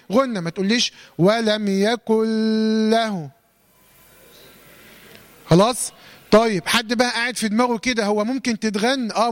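A man with an Egyptian Arabic accent teaching a Quran recitation lesson in colloquial speech. He keeps asking questions and answering them himself, and he recites the examples slowly. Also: sits high, fairly bright tone, no echo.

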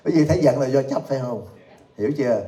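A man's voice: medium pitch, quick pace, dark tone. Joking man in echoey hall. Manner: jokey, often laughing, asks the audience questions. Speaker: Buddhist teacher. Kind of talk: humorous Dharma talk. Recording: echoey room.

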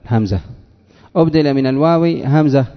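A man's voice: medium pitch, quick pace. A man teaching Arabic grammar to a class, repeating examples and quizzing students by name. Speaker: sheikh teaching Arabic morphology. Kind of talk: classroom lesson with questions to students. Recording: dull lo-fi recording in a reverberant hall.

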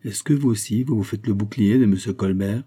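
Reading a novel aloud, a man voices a resolute young king who commands the room with firm speech. He keeps to his own low, dark, husky register, raising it only slightly for the royal lines, and his pace is brisk.

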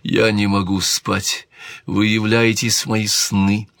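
A man voicing an obsessive, passionate king who speaks slowly and emphatically, with a commanding edge. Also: fairly low pitch, level tone, gravelly, fairly bright tone, no room sound, full character voice.

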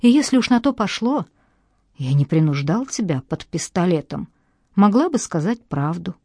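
A woman's voice: fairly low pitch, sing-song, moderate pace, mellow, husky, no echo, studio quality, exaggerated voice. A woman reading the part of a bitter adult man who speaks curtly and with hostility. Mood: cold, hostile. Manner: curt and hostile. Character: harsh, cold adult man, bitter ex-convict.

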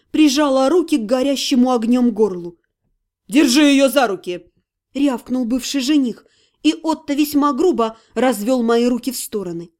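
A woman narrating a first-person fantasy audiobook in an expressive storytelling manner. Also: high voice. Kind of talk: scripted narration.

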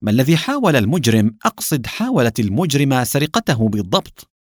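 Male reader as calm young cop, composed, lively delivery. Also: medium pitch, quick pace, no room sound, studio quality. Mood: polite. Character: calm young male police officer, clever.

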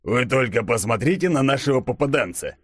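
A man voicing a seasoned, stern male chief who speaks in a gruff, measured, growling way. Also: medium pitch, expressive, fairly bright tone, no room sound, studio quality, pitched above the performer's own voice.

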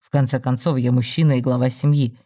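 A man playing a calm, self-justifying married man in an audiobook story, speaking slowly and soothingly. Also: medium pitch, lightly acted. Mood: placating.

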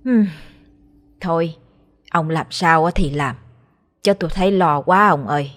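A woman's voice: sits low, a little slow. A woman voicing a fretting old wife. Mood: worried. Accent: Southern Vietnamese. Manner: worried, pleading, soft.

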